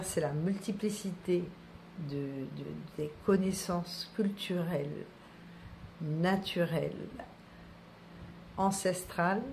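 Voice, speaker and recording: A wellness practitioner from French Guiana speaks in a deep, low voice. She talks casually to her viewers, full of hesitations and repeated words. A faint hiss sits under the recording. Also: mellow. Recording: faint background noise.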